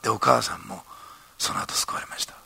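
A man preaching a sermon, telling a story in an animated way and tagging his phrases with "ne". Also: on the low side, a little fast, creaky, breathy edge, in a whisper. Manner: animated storytelling, frequent ね tags. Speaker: pastor.

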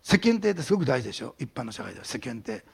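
A man preaching a sermon in a rough, raspy voice full of gravel. He talks quickly with a lively, swooping pitch, slipping into the voices of the people in his stories. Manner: animated storytelling, acting out quotes. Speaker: pastor.

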